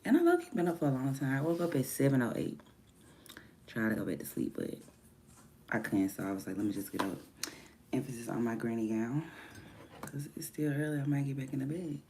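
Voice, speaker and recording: Just out of bed, this livestreamer and music artist talks casually from home on a morning stream, her voice lower than normal. Her rambling runs fairly quickly with big pitch swings and long pauses, moving from soft murmurs to livelier bursts over a faint hiss or hum.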